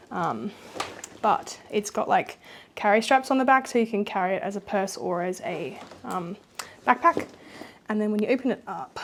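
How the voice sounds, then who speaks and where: A woman's voice: mid-range voice, a little mellow, slight background noise. A young woman giving a casual, rambling walkthrough of her baby's nursery at home, with lots of fillers. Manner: chatty, rambling, many fillers. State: pregnant, with hiccups. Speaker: vlogger.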